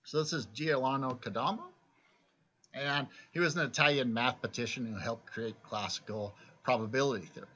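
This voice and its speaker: A man's voice: medium pitch, fairly quick, sharp tone. A man giving a recorded philosophy lecture, explaining step by step and often checking in with "right?". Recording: dull lo-fi recording.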